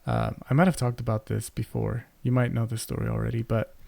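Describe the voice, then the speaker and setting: A man's voice: mid-range voice, flat delivery, brisk, creaky, dark tone, dry recording. A young man co-hosting a podcast, telling a family story in casual chat, rambling with many fillers and restarts into a close mic. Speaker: podcast co-host.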